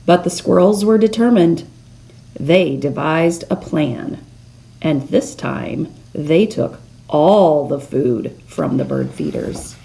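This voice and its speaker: Slow, animated woman reading a storybook. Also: low voice, vocal fry, poor audio. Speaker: read-aloud storyteller. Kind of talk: expressive children's picture book narration.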